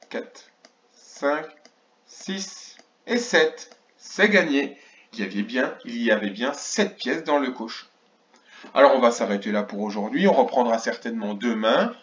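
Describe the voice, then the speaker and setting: A male teacher leads a remote lesson for small children, taking his time and stretching out each syllable and number so they can follow. His voice sits at a middling pitch, and the recording sounds a little dull and lo-fi. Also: fairly bright tone. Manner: slow, sounds out syllables and counts aloud for children. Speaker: kindergarten teacher.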